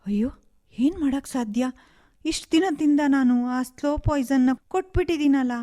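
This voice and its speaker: A woman's voice: medium pitch, fairly even intonation, unhurried, dark tone, close to an everyday voice. An actress playing a young married woman who speaks with emotional, pleading urgency in a radio play. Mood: anguished. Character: desperate young married woman, daughter-in-law. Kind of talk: radio drama acting.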